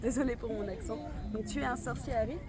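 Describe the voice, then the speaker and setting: A vlogger with a slightly high voice and a steady tone talks fast as she gives an enthusiastic guided tour, pointing things out to her viewers. She moves from outdoors to indoors at a studio attraction, with loud music playing behind her.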